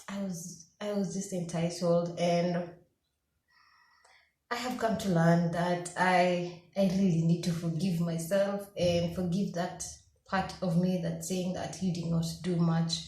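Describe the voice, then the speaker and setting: Young Kenyan woman vlogger, mellow tone, roomy echo, animated candid storytelling. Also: on the low side. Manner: animated storytelling, acting out her own past thoughts. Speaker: law student vlogger. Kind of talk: candid personal vlog. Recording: echoey room.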